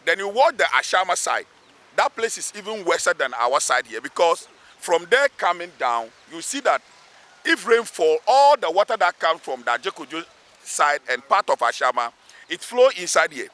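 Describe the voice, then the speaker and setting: In an outdoor interview near a road underpass, a local assemblyman with a Ghanaian accent makes an emphatic, pleading appeal, repeating lines to drive them home. He talks at normal speed in a slightly high, bright, forceful voice with big swings in pitch.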